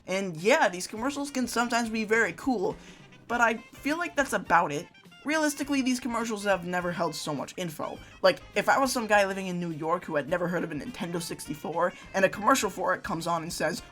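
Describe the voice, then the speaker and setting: A gaming video essayist narrating a scripted essay, animated and sarcastic, getting worked up and shouting during rants. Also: medium pitch. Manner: sarcastic asides.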